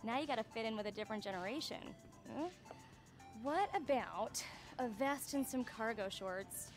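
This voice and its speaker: A condescending young shop clerk, voiced by a woman, looks down on a customer in a game scene. Her voice sits slightly high. Game music plays clearly behind her. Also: normal speed, close to an everyday voice. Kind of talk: video game dialogue.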